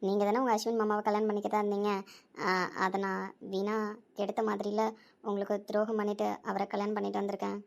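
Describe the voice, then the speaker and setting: A woman voicing a quiet, guilt-ridden young wife who speaks in a low, sorrowful way. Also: level tone, fast talker, vocal fry, lightly acted.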